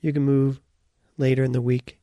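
A man leading a slow guided visualization, calm and soft-spoken, sometimes slipping into a whisper. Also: mid-range voice, vocal fry, no echo, studio quality. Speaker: guided meditation leader.

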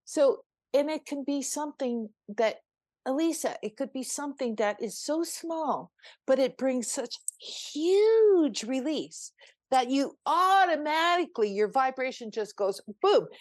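A woman's voice: high voice, lively intonation, a little slow, no room sound, clean studio sound. An older woman, a spiritual coach, telling a personal story on a podcast in an earnest, emphatic way, with frequent restarts.

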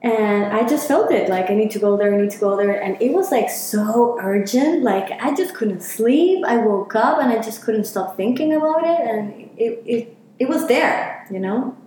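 A woman's voice: fairly high pitch, animated, moderate pace, mellow, slight background noise. A woman from Chile, talking reflectively in a casual interview and using many fillers. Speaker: interviewee, healer. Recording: very echoey room.

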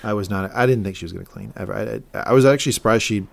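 A man's voice: fairly low pitch, rapid-fire, gravelly. A man co-hosting a podcast, recapping a TV episode in a rambling, self-correcting way and speculating about what comes next. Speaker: podcast co-host.

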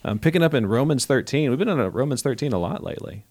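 A man's voice: mid-range voice, lively intonation, quick pace, a little mellow, no room sound. A man hosting a church podcast, joking around and reading scripture aloud. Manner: playful, joking, upbeat. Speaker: podcast host.

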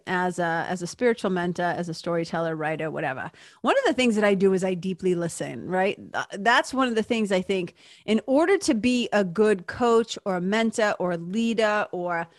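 A woman's voice: mid-range voice, no echo, studio quality. A woman podcast host and spiritual mentor talking informally and conversationally to listeners, repeating words for emphasis and checking in with them. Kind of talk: casual solo podcast talk.

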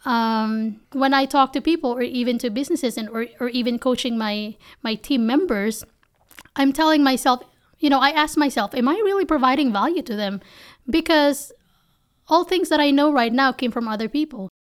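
A Filipino company founder answers interview questions conversationally, candid and emphatic, with a Filipino accent. Her voice sits high and clean, moving at a normal speed.

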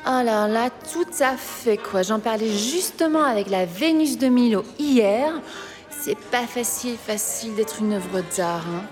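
A weary, self-pitying talking painting. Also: female voice, on the high side, expressive, a little slow. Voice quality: sighing, theatrical. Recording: reverberant with music.

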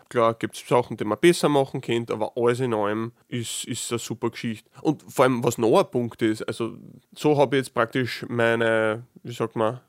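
A podcast host with an Austrian dialect talks through his casual solo podcast at an ordinary middle pitch, frequently restarting sentences as he thinks out loud. His asides are dry and sarcastic. The recording is close and dead, with no echo or room sound at all.

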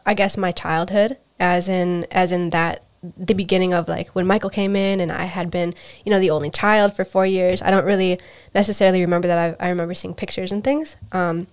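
A woman's voice: on the low side, steady tone, fairly quick, smooth. A woman from Peru co-hosting a podcast, telling personal stories in a hesitant, reflective way. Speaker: podcast co-host. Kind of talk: casual personal storytelling.

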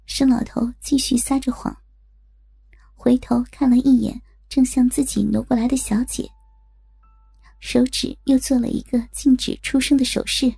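High, breathy woman narrating a story. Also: level tone, normal speed, warm tone, soft background music.

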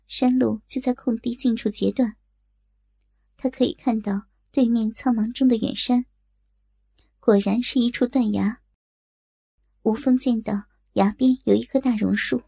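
A woman narrating a martial-arts audiobook in a measured, steady manner. Her voice is somewhat high, mellow and husky, with a gravelly edge. The recording is dry and close. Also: no echo. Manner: measured, storytelling.

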